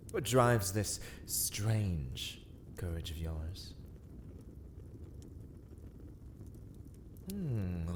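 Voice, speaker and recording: In a dark ASMR roleplay, a man voices a haughty, menacing vampire lord, using formal, archaic, deliberately paced phrases. His voice sits low, he sounds intrigued and haughty, and there's slight background noise.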